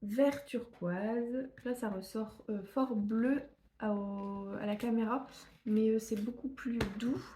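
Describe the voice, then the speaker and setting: A woman from northern France chats casually about her scrapbooking buys, often stopping for fillers and starting sentences over. Her voice is mellow and slightly high. A faint hiss sits under the recording. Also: takes it slowly. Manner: chatty, hesitant, many fillers and restarts. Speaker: scrapbooking YouTuber. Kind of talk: casual haul video.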